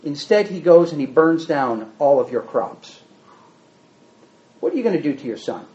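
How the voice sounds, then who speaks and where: A man with a fairly high voice and moderate pace leads a Bible class in an animated, conversational manner, acting out quotes and posing questions to the room. The recording is roomy, dull and lo-fi.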